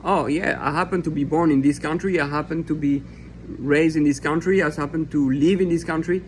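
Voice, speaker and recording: A man's voice: fairly high pitch, fairly even intonation, a little fast, slight background noise, low-quality recording. A man raised in France teaching a Torah lesson as a rabbi, reading a text aloud and explaining it in an earnest, impassioned way. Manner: earnest and impassioned, acting out imagined questions and answers.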